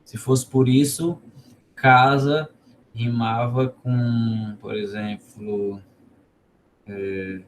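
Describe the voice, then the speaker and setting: A man with a Northeastern Brazilian accent leads an informal online class at an ordinary, mid-range pitch. He asks the students questions and repeats words while he explains. A faint background noise runs under his voice. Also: fairly even intonation, extremely slow, long pauses. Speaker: teacher of a cordel literature course.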